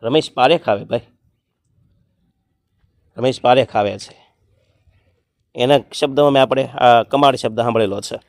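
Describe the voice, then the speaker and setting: A man's voice: medium pitch, gravelly, no echo. Man teaching vocabulary, dry sound. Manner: explains word meanings, chants verses slowly. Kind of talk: exam-prep grammar lesson.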